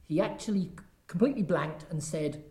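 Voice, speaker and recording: An actor chats about plays in an animated way, full of anecdotes and quoted lines. The voice sits mid-pitch, and there is an echoey room behind it. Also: normal speed. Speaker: theatre actor. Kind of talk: casual interview chat.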